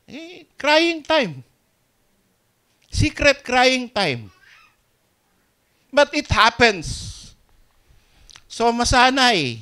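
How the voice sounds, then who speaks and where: Slow, dynamic Filipino pastor preaching. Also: male voice, fairly high pitch, smooth. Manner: switches between Tagalog and English, swinging from soft asides to loud emphatic peaks. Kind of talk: sermon.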